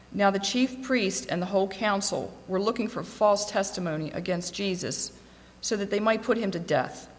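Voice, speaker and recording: A woman reading scripture aloud in a steady, clear voice. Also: mid-range voice. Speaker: scripture reader. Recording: long echoing reverb.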